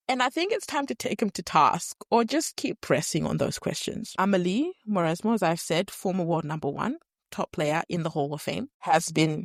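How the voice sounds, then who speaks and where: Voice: mid-range voice, creaky, no echo, studio quality. Nasal-sounding podcast host with a cold. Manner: earnest, opinionated, chatty. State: stuffy nose, sniffling. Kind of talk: solo podcast commentary.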